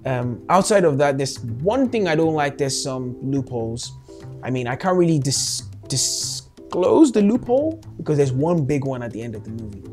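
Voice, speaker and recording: Male co-host, relaxed film talk, mellow tone, soft music underneath. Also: mid-range voice, normal speed. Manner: relaxed, emphatic with repeated phrasing. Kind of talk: casual movie review chat.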